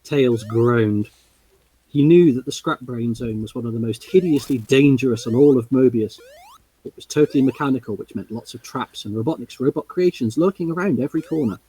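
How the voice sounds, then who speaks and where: A man narrating a storybook on a casual livestream read-along, amused and lively. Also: medium pitch, brisk, slightly rough, low-quality recording. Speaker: livestream reader.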